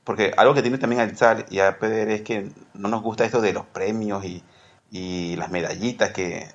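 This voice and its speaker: A man's voice: on the low side, fairly even intonation, normal speed, lo-fi sound. A man from Peru, a podcast guest who rambles, corrects himself and laughs easily. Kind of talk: casual podcast interview.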